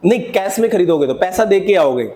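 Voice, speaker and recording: A man's voice: high voice, lively intonation, fairly quick, warm tone, a little hiss or hum. A male accountancy teacher giving a classroom lecture, asking his students questions, answering them himself, and calling them "beta" as he mixes English accounting terms into his talk.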